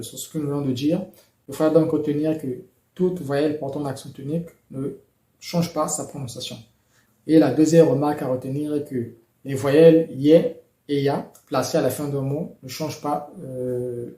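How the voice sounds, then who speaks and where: A man explaining pronunciation rules in a measured, methodical lesson, with occasional fillers. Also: on the high side, dark tone, roomy sound. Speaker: language teacher.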